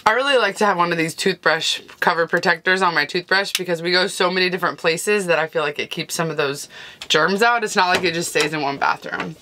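A woman's voice: lowish voice, fairly quick, over music. A woman vlogger talking casually through her morning routine in a truck camper, easygoing and chatty. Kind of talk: casual morning vlog talk.

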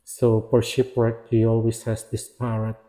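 A man's voice: lowish voice, completely flat delivery, unhurried, warm tone. A man reviewing an action figure in a casual, hesitant way, often stopping to restart and correct himself. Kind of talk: casual product review narration.

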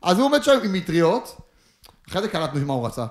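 High-voiced man rambling through a funny story. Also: big pitch swings. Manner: rambling, jokey storytelling with acted-out quotes. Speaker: podcast guest. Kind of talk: casual chat, storytelling.

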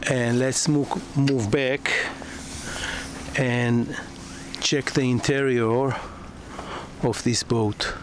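A male yacht broker walks through a moored sailboat in a marina, outdoors and below deck, narrating as he films. He has a mid-range voice and fairly even intonation, but his speech is slow and halting, with many fillers, pauses, and restarts. The recording is noisy outdoor camera audio.

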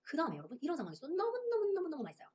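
A young adult woman teaching a beginner English lesson, explaining in lively Korean and modeling English phrases slowly. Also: very high-pitched.

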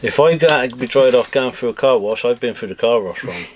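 A man's voice: mid-range voice, lively intonation, a little fast. A man hosting a toy unboxing at a table indoors, bossy and teasing as he chats. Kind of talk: casual unboxing chat. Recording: noisy home camera recording.

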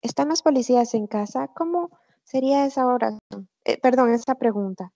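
Woman teacher, higher voice, careful repetition, slightly muffled video-call audio. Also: warm tone, no room sound. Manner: slow, careful, repeats example phrases. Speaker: English teacher. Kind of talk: online class explanation. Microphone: computer mic on a video call. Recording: slightly dull online class audio.

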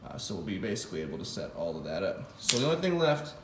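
Low-pitched and very animated, this man talks at a quick pace while casually going over the wiring on the electric motorcycle he's building in his home garage. He thinks aloud, using fillers and restarting sentences, and the close phone-camera recording has a roomy sound plus background noise.

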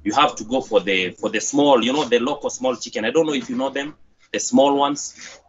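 A young Kenyan man with a Kenyan accent, talking haltingly in a casual interview over a headset on a video call. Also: mid-range voice, slightly rough. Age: young adult. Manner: halting, with many fillers and restarts. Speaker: interview guest, gym owner. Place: outdoors by a corrugated metal wall. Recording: dull lo-fi video-call audio with faint noise.

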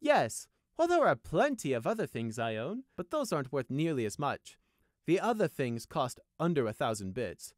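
A man voices a wealthy, boastful male unicorn noble from a story, pitching a little high, above his own voice, with big pitch swings at normal speed. He draws out words in an airy, self-satisfied way, recorded with clean studio sound and no echo.

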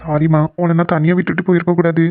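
Guy doing soft sweet cartoon husband, talks quick, kinda dull sound w music behind. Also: on the high side, flat delivery, close to an everyday voice. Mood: tender. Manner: soft and reassuring. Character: gentle loving young husband. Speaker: husband who returns home. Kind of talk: cartoon voice acting.

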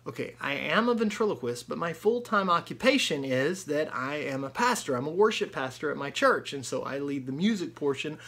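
A man's voice: fairly high pitch, animated, fairly quick, few pauses, fairly bright tone. Understated man playing the straight man. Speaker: pastor and ventriloquist. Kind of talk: conversational straight man in a comedy routine. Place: small furnished room indoors.

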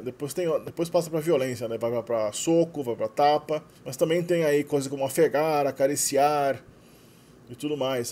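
A man's voice: a little high, darkish tone, slight background noise. A man talks through the vocabulary of his language course, explaining as he goes and often tagging his sentences with "né". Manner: explanatory, frequent "né" tags. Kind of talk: screen-share lesson narration.

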